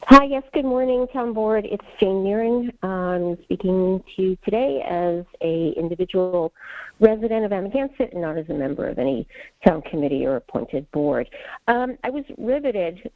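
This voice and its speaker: A woman's voice: fairly low pitch, dry recording. A woman calling in over a clipped phone line, giving an earnest, formal public comment to a board. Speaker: caller at public meeting. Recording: tinny dry phone line.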